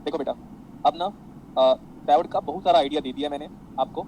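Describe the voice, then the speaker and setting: A man's voice: a little high, a little fast, dark tone, muffled recording, slight background noise. A man teaching an online electronics class, mixing Hindi and English and calling his students "beta".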